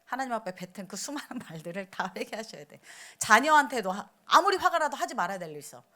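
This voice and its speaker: A woman's voice: fairly high pitch, very animated, fast, sharp tone. A woman missionary preaching a sermon in church, talking conversationally, asking the congregation questions and acting out quoted outbursts. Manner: acts out quoted outbursts in raised voice.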